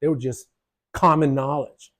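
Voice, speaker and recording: A man presenting an illustrated history lesson, explaining in a lively, jokey way with casual asides. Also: medium pitch, moderate pace. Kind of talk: narrated history lesson over slides.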